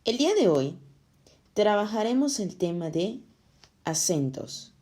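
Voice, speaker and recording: A woman reading a scripted lesson for schoolchildren, explaining slowly and clearly. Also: mid-range voice, big pitch swings, mellow. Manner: slow, clear, explaining to children. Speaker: teacher.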